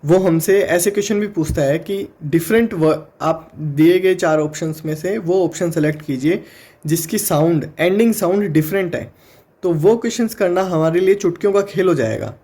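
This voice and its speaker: A man with an Indian accent teaching an exam-prep phonetics lesson, explaining step by step and sounding words out slowly. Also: sits high, mellow, breathy edge.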